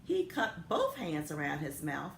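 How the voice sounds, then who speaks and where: A woman principal reading a picture book aloud to children, with expressive storytelling. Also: low voice, measured pace, vocal fry, a little hiss or hum. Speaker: school principal. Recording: echoey room.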